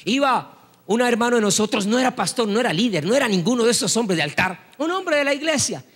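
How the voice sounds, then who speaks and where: High-voiced pastor preaching. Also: male voice, animated, fast, in a large hall. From Colombia. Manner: storytelling preacher acting out voices, rising to loud praise. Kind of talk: sermon. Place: church hall.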